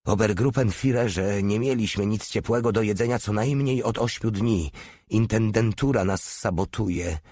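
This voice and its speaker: A man's voice: on the low side, normal speed, darkish tone, no echo, pitched above the performer's own voice, lightly acted. Brief: worn-out young lieutenant, voiced by a male reader, bitter and tired, dry close recording. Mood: weary, bitter. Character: weary young male front-line lieutenant.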